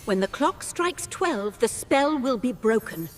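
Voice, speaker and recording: A woman's voice: on the high side, sing-song, a little slow. A woman playing a cooing, lilting fairy godmother. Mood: gentle. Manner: warm, cooing, theatrical. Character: kindly plump older female fairy godmother. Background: orchestral music.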